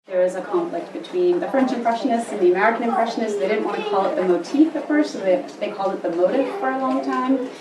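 A woman explaining quickly in a casual interview. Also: mid-range voice. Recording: distant, echoey, crowd noise behind.

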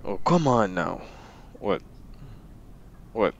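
A man's voice: fairly low pitch, sing-song, slow pace, gravelly, highs cut off, a little hiss or hum. A young man giving slangy, reactive commentary while playing a horror game, calling everyone bro. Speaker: gamer. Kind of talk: live gameplay commentary.

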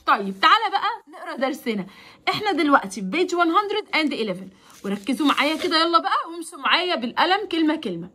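A woman with an Egyptian Arabic accent teaching a vocabulary lesson to children. She stretches English words out slowly, repeats them for pupils to follow, then explains quickly. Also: sits high, very animated, sharp tone. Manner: slow, drawn-out English words, fast chatty explanations.

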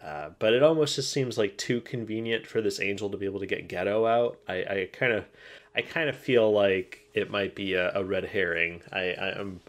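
Chatty man with a low voice. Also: moderate pace. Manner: laughs often, rambling with fillers and restarts. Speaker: podcast co-host. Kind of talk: casual chat.

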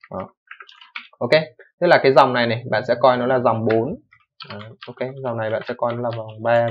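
Fast-talking male coding teacher. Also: medium pitch. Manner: fast, informal explaining with frequent "đúng không" checks and self-corrections. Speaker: programming teacher. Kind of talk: screen-recorded coding tutorial. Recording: dull lo-fi microphone.

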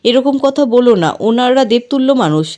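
A gentle young wife soothes the quarrel, read by a woman in her own high voice. She sounds soft and placating. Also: animated, moderate pace, lightly acted.

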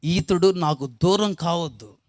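A woman's voice: fairly low pitch, a little slow, darkish tone, dry recording, clean studio sound, natural voice. A man voicing his weeping mother as she pleads in prayer for her son. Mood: pleading.

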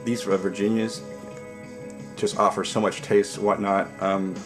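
A man in his forties chatting casually to camera in a savoring way, pausing between puffs on a pipe. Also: deep voice, level tone, over music. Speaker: pipe-smoking vlogger. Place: small dim room at home, indoors.

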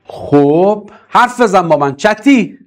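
A man teaching English grammar in a live online class, reading and answering the chat and driving his points home with emphatic repetition. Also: high-pitched. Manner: lively, emphatic, repeats key points.

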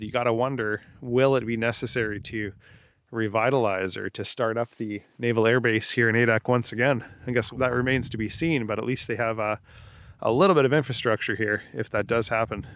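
Chatting his way through outdoor ruins, this travel vlogger offers relaxed walking commentary full of "like" and "you know". His voice is medium in pitch and a bit bright.

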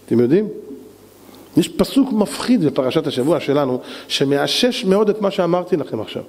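A male rabbi delivering a dramatic sermon, swinging between loud exclamations and low, intense tones. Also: animated. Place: synagogue hall. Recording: long hall reverb.

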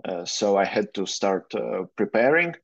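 A man's voice: fairly low pitch, animated, unhurried, creaky. Young Russian-accented man, hesitant. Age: 20s. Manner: hesitant, many fillers, careful non-native phrasing. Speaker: guest lawyer. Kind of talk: interview answers. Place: plain room, indoors. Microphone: video call. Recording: dull lo-fi video call audio.

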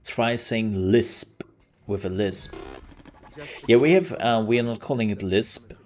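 A woman streamer gives let's play commentary over a game. She jokes and talks back sarcastically, in a slow and unhurried way. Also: very deep voice, darkish tone, slight background noise. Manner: sarcastic, joking, slow-spoken.

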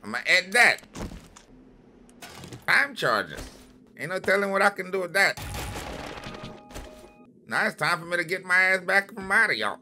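A man doing loud, excitable let's-play commentary, trash-talking enemies in the game. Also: high voice, unhurried, long pauses, soft background music. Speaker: gaming channel host.

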